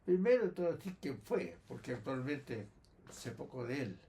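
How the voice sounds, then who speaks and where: A man's voice: medium pitch, sing-song, moderate pace, dark tone. A man in his seventies with a Chilean accent, telling his own memories to a grandchild and acting out the people he quotes. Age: 70s. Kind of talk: casual storytelling.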